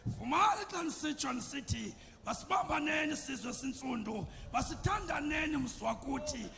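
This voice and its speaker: A man performing praise poetry at a ceremony, declaiming in a shouted, chanting delivery. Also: extremely high pitch, animated, moderate pace, gravelly. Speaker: praise poet. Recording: long hall reverb, faint music.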